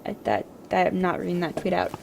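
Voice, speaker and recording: Woman, French Canadian accent, native French speaker, gravelly, casual rambling livestream chat, low voice. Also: animated, quick pace, darkish tone, a little hiss or hum. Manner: rambling, full of fillers and restarts. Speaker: streamer.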